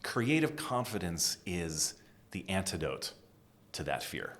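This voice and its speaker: A middle-aged American man from New England, a design executive giving an animated interview and dropping to a whisper for emphasis. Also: low-pitched, slow. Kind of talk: conversational interview.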